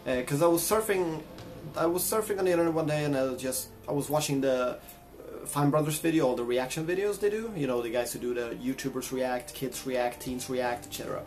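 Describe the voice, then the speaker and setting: A man's voice: medium pitch, a little fast, a little mellow, soft background music. A man from Sweden, telling a personal story in a casual, reflective vlog. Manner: reflective, chatty. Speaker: vlogger and guitarist.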